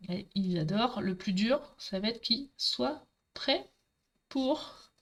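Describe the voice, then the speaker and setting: A middle-aged woman speaking with a Marseille accent takes her time, her fairly high voice expressive and a bit bright. She's chatty and talks right to the viewers while she works through a craft project live.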